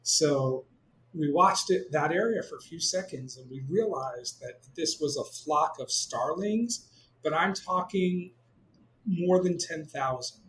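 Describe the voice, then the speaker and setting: A man's voice: a little high, measured pace, a little hiss or hum, poor audio. A middle-aged man from Israel, a glider pilot, telling stories in a casual interview, full of fillers and restarts. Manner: animated, many fillers and restarts.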